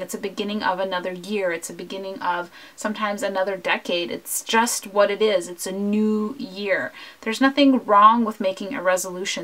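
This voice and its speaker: A woman talks casually over her crafting, earnest and heartfelt, drifting from one topic to the next as she works. Her voice sits at an ordinary middle pitch, with a conversational, confiding tone throughout. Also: a bit bright. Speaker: scrapbooking vlogger.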